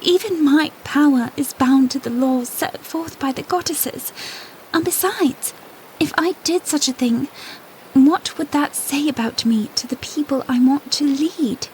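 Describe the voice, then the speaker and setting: A woman's voice: sits high, a little slow, slight background noise, rough recording. A woman playing an anguished young princess torn between duty and love, pleading earnestly in an audio drama. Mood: troubled, resisting. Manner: pleading, earnest, breathy hushed delivery.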